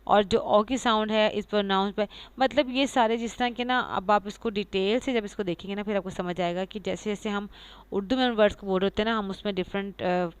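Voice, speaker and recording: Woman, smooth clear voice, patient teacher, slow careful English, repeats words. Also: mid-range voice, fairly even intonation, no room sound. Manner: explains patiently, reads English lines slowly, repeats example words. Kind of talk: lecture mixing Urdu and English.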